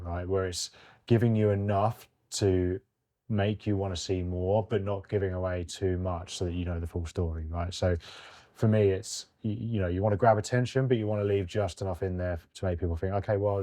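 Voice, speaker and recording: A man's voice: sits low, warm tone. A young man co-hosting a casual podcast, chatty and easygoing, often tagging his points with "right?". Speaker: podcast co-host.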